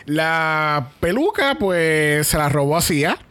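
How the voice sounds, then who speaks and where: Puerto Rican male podcast host, Spanglish, highish voice, very animated delivery. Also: slow pace, no room sound. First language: Spanish. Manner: Spanglish, switching between Spanish and English. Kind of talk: casual pop-culture commentary chat.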